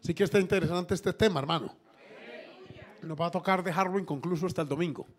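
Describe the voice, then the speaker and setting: In church, a pastor preaches a sermon full of stories, lively acting out the people in them and joking with his congregation. His voice sits high and moves quickly.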